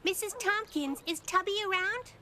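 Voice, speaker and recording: A woman voicing a quick-witted, cheeky little cartoon girl who chats and jokes wryly. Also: very high-pitched, bright, forceful tone. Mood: curious. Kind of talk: cartoon stand-up monologue and dialogue.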